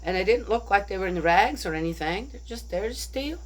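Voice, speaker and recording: This bible study speaker has an expressive mid-range voice and talks fairly quickly. She goes through a bible story in a casual, thinking-aloud way, tossing "right?" to her listeners again and again.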